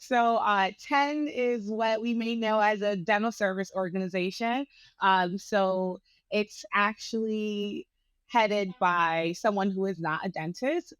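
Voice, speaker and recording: A Brooklyn, New York dentist in her thirties is an energetic, chatty interview guest who uses lots of fillers. Her mid-range voice is smooth, with no room sound, though the recording is low quality.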